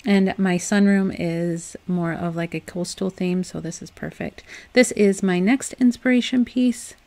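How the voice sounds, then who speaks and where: A young woman's lowish voice moves at a measured pace as she gives a casual voice-over for her home craft tutorial. As a DIY home decor vlogger, she keeps things chatty and upbeat, laughing softly and restarting loosely.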